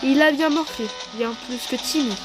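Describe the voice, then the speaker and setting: A woman's voice: sits high, normal speed, over music, natural voice, rough recording. A woman playing a wry, reflective young narrator in scripted first-person storytelling, conversational in manner. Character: wry young narrator recalling a haunted-manor night years later.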